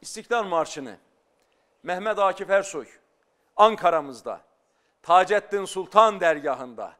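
A man's voice: high-pitched, expressive, measured pace, bright, forceful tone. A middle-aged male scholar speaking as a guest on a studio talk show, explaining earnestly and building to fervent emphasis. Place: television studio.

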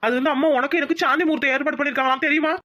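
A woman's voice: high-pitched, steady tone, rapid-fire, pushed and bright, faint music behind. A woman voicing a nervous young husband in a cartoon who keeps apologizing and repeating himself. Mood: flustered. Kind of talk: cartoon voice acting.

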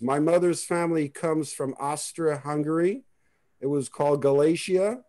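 A man's voice: on the high side, warm tone. A man from Israel, giving a rambling, conversational family history talk on a video call. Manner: rambling, conversational, many restarts. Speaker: presenter.

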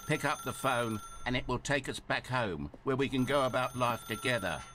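A man voicing a dry, wry male storybook narrator in a video game, calm and measured with a faintly mocking tone. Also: mid-range voice, slight background noise, natural voice.

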